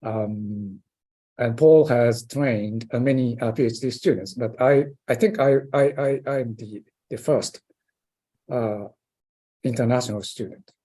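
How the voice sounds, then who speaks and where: Older man, Japanese accent, hesitant with many fillers, mellow husky voice. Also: mid-range voice, measured pace. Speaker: interviewed professor. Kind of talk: conversational interview.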